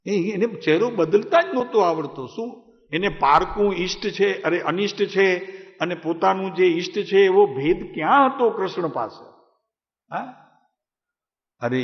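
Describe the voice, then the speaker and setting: A man delivering a spiritual discourse with a fairly high voice, talking to his listeners as in conversation and often putting questions to them. The sound carries a long hall echo and a dull, lo-fi tone. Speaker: spiritual teacher. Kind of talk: devotional discourse to a live gathering.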